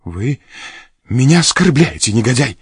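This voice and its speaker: A man's voice: medium pitch, sing-song, normal speed, slightly rough, no room sound, studio quality, pitched above the performer's own voice, heavily acted. A man reading aloud as a frightened army major caught in a trap, speaking weakly. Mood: cornered. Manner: trembling, weak, gloomy. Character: frightened cornered major, officer.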